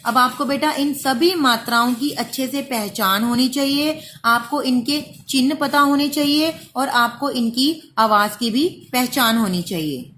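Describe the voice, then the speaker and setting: A woman with a high, bright voice takes young pupils through a lesson, drawing each word out syllable by syllable. She speaks patiently and keeps calling the child "beta". Faint hiss sits under the recording. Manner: patient, stretches out sounds syllable by syllable, calls listener "beta". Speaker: primary school teacher.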